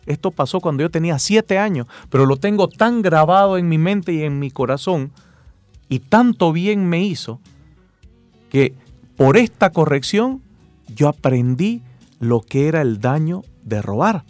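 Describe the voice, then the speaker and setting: A man in his forties with a Bolivian accent from Santa Cruz, telling a personal story in casual talk, lively, acting out voices and restarting words. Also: a little high, unhurried, dry recording, soft background music. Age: 40s.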